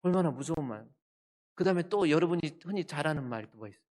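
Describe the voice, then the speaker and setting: Male pastor, sunday sermon, emphatic, questions to the congregation, loud bursts then low asides. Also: animated, fast. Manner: swings between loud outbursts and low asides. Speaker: senior pastor.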